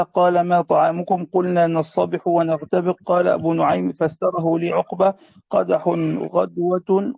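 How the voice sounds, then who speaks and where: A man reads a classical text aloud for his teacher in a careful, measured recitation. His voice sits high and gravelly, with a flat, even line. It is recorded dry and sounds muffled and lo-fi. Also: no echo.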